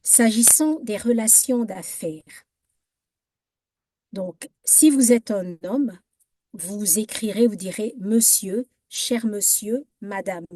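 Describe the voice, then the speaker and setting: Slow-talking lady teaching manners, lots of ums and restarts, dry close sound. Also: mid-range voice, warm tone, no echo. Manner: hesitant, many fillers and restarts; corrective, contrasting wrong and right phrases. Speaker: etiquette workshop speaker. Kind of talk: informal etiquette talk.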